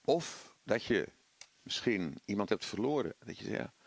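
A middle-aged man preaching a sermon, animated, acting out voices of doubt and the devil. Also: fairly low pitch, normal speed, vocal fry, dry recording.

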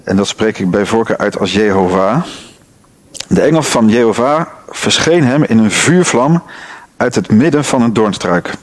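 Low-voiced man teaching from scripture. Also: expressive, normal speed. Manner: reads scripture aloud and asks the listeners questions. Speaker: Bible teacher. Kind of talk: Bible study talk.

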